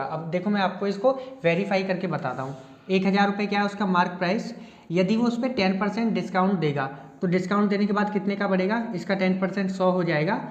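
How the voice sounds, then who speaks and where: A male math teacher, working through problems step by step in Hindi sprinkled with terms. He slows down while writing formulas and catches his own slips. The room sounds echoey and the recording is dull and lo-fi. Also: sits high. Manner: corrects himself mid-line. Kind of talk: exam-prep math lecture.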